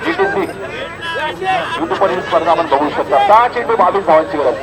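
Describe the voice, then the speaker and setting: A man with a fairly high, lively voice gives informal live cricket commentary at a village tournament at a moderate pace, often repeating himself and talking to the people around him. The outdoor ground is noisy, with a loud crowd and open-air ambience.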